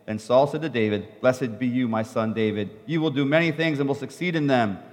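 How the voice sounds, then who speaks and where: Preacher, male, mid-pitched, steady scripture reading with long hall reverb. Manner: measured Bible reading that rises in the quoted speech. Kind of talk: sermon with scripture reading, paused for an interpreter.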